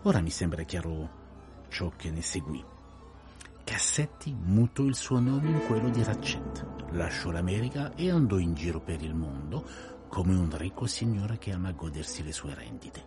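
An actor playing a precise, courteous older detective in a radio play, telling events in a measured, grave way. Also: male voice, sits low, expressive, mellow, faint music behind.

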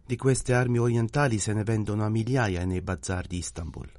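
A man voicing a brisk, matter-of-fact doctor in an audiobook, firm and businesslike. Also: fairly low pitch, steady tone, a little mellow, no room sound, lightly acted.

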